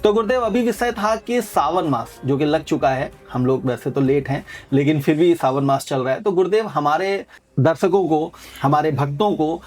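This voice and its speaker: A man's voice: on the high side, moderate pace, a little mellow, soft background music. A man hosting a devotional interview, earnest and emotive, with sudden lifts in his voice. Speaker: host.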